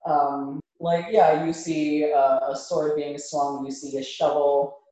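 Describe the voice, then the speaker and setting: A woman with a low voice runs a tabletop game as game master. She improvises the narration casually and haltingly, in a strongly echoing room. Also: level tone, dark tone. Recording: roomy, echoing tabletop recording.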